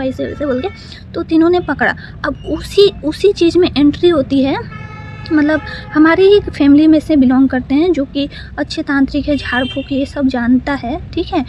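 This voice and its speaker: A woman tells a personal story in casual, rambling speech, stopping often to restart and fill the gaps. Her voice sits high, and a faint background hum runs under it. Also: muffled recording. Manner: rambling, with many fillers and restarts.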